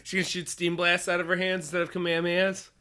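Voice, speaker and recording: A man with a high, bright voice chatting loosely on a podcast. He stumbles through his ideas with restarts and fillers, swearing offhandedly. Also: monotone, quick pace. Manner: rambling, hesitant, swears casually. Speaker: podcast co-host. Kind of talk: casual brainstorming chat.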